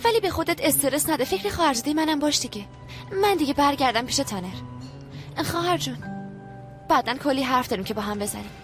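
A woman's voice: sits high, animated, over music. A woman dubbing an outspoken younger sister who teases her older sisters. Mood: teasing. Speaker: dubbing actor. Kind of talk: Persian dub of a TV drama.

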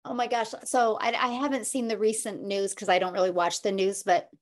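A woman hosting a live call over a video link, upbeat and encouraging, talking quickly and warmly to her audience. Her voice sits at a medium pitch. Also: flat delivery. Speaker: host.

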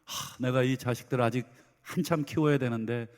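A middle-aged man preaching a Sunday sermon as senior pastor, lively and dramatizing the voices of parents and children. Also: mid-range voice, moderate pace. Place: church sanctuary. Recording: long hall reverb.

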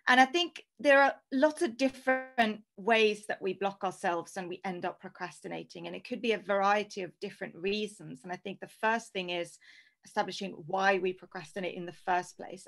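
A woman's voice: medium pitch, normal speed, fairly bright tone. A woman in her thirties from Norway, a singer-songwriter guest speaking earnestly on a headset microphone in a video-call interview. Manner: earnest, laughs lightly between thoughts.

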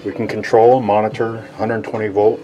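Man giving a halting boat tour. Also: lowish voice, lo-fi sound, faint music behind. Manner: relaxed, halting with frequent fillers. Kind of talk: casual walkthrough narration. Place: inside a sailboat cabin. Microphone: handheld camera mic, speaker off camera.

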